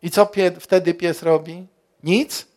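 Male pastor, slightly higher voice, slow deliberate sermon delivery with loud emphatic rises and rhetorical questions. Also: steady tone.

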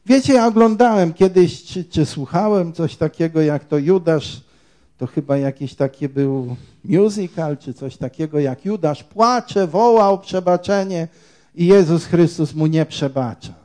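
A man's voice: on the high side, a little slow, warm tone. A man preaching a sermon, quoting scripture and putting rhetorical questions to his congregation. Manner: quotes scripture.

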